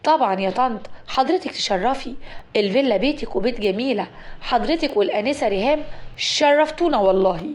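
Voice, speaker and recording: A woman's voice: fairly high pitch, expressive, a little fast, close to an everyday voice. A woman voicing a polite but stern young man, speaking formally with an Egyptian accent. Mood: gentle. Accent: Egyptian Arabic.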